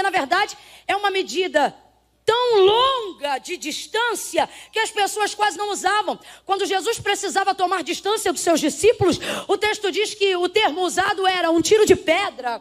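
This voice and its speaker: A woman preaching a sermon to a congregation, swinging from hushed, slow passages to loud, impassioned declarations. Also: extremely high pitch, animated. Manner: impassioned, swings from soft to shouting, addresses congregation.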